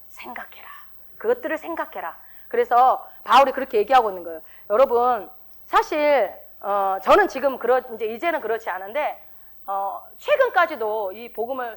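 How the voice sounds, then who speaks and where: Animated, high-voiced woman pastor preaching. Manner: conversational preaching with frequent rhetorical questions to the congregation. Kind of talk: sermon.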